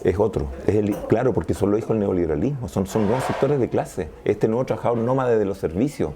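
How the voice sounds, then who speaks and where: A man's voice: on the low side, expressive, fast talker, background noise. A Chilean man speaking as a sociologist guest in an interview, talking in a discursive, analytical way and often restarting his sentences. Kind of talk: interview conversation.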